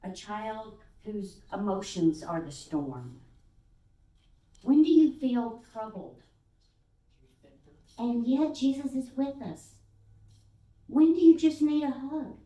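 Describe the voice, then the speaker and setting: An older Texan woman, a guest speaker in a church sanctuary, gives a storytelling sermon, animatedly acting out the voices of people in her stories and using fillers. Her fairly high voice moves at a slow pace with long pauses, captured with roomy, distant sound.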